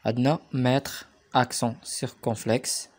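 A man with a Moroccan Arabic accent teaches French to young pupils in a recorded remote lesson. His voice sits at an ordinary middle pitch, and he stretches out each word slowly and repeats it so the children can follow. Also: flat delivery. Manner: spells words out slowly and repeats them for pupils.

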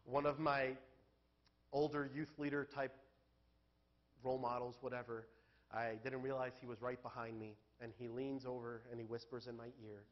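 A male pastor giving a sermon in a church, talking candidly and conversationally, then building to loud, emphatic peaks. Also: medium pitch, little pitch movement, normal speed, lo-fi sound.

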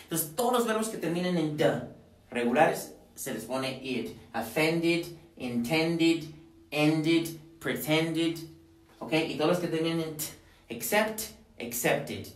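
A man teaching a pronunciation lesson in a classroom, repeating words slowly for his students to drill. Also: on the high side, expressive. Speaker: English teacher. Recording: echoey room, mic at a distance.

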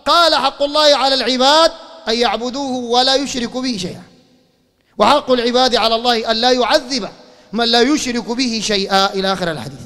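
A man with a Sudanese Arabic accent giving a fiery religious lecture, firing rhetorical questions and breaking into shouts. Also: very high voice, quick pace. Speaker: preacher. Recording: long hall reverb.

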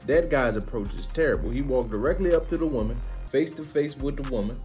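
A man's voice: mid-range voice, brisk, a little mellow, faint music behind. A man hosting a reaction video, giving joking, slangy commentary on clips.

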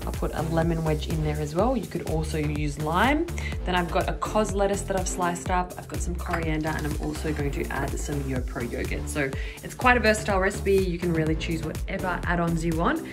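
A woman's voice: low-pitched, a little fast. A young woman hosting a cooking vlog, explaining a recipe to camera in a friendly, instructive way from her home kitchen. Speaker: cooking vlogger. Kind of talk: upbeat cooking tutorial. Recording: music clearly underneath.

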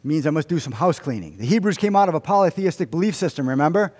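A middle-aged male pastor preaching a sermon in a church, telling stories and leading a prayer, dropping to a hush and then rising to emphatic points. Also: on the high side, animated, quick pace, breathy edge. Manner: storytelling, swings from hushed to emphatic. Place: church sanctuary. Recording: long hall reverb.

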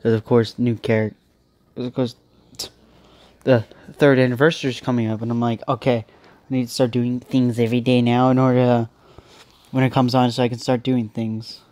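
A gaming channel host, a young man with a stuffy nose, rambles casually while playing a mobile game, thinking aloud and restarting often. His mid-range voice is a little mellow and level, moving at a normal speed with no echo.

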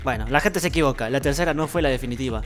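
A man with an Argentine accent giving excitable, boastful gameplay commentary at his computer, swearing casually. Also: mid-range voice, very fast. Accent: Argentine Spanish. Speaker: gaming streamer. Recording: loud game music behind voice.

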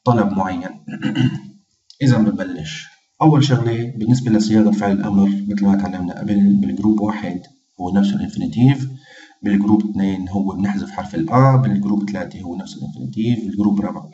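A man teaching a casual lesson, slowly repeating each phrase. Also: lowish voice, mellow, far from the mic. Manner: slow, patient, repeats each phrase twice. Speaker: language teacher. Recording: dull, echoey room, off-mic.

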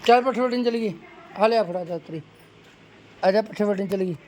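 A man's voice: sits high, normal speed, a little mellow, slight background noise. A man, casually coaxing his dog with short repeated commands in a home video. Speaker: dog owner showing his pet.

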